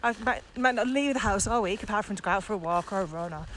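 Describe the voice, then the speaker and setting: Her mid-range, fairly bright voice moves fast as this podcast co-host and virtual trainer chats casually with enthusiasm and emphasis. She is out walking in the countryside, and the recording carries ambient outdoor noise.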